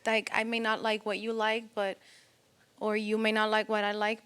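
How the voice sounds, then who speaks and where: A woman's voice: mid-range voice, monotone, moderate pace, a bit bright, clear, resonant tone. A young woman from the Dominican Republic, a singer guest in a casual interview, bubbly and laughing often, with many fillers.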